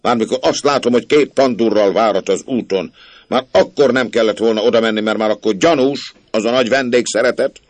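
A man reading a story aloud, voicing a cranky, ailing old country gentleman who scolds and thunders. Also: lowish voice, dry recording, pitched above the performer's own voice, lightly acted. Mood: scolding. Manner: scolding, blustering, thundering outbursts.

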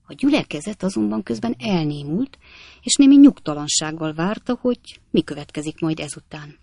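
A woman narrating an audiobook in a measured storytelling delivery. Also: sits low, expressive, vocal fry, dark tone, no room sound. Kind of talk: scripted narration.

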